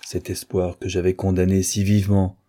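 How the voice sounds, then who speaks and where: A man narrates a classic novel in a measured, expressive reading. His voice is deep and mellow. It has a husky grain to it. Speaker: audiobook reader.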